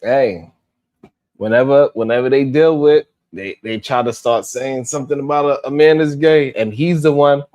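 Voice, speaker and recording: A man's voice: mid-range voice, moderate pace, a little mellow. A man in his forties giving exasperated, casual commentary on a live panel stream, swearing when he loses his words. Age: 40s.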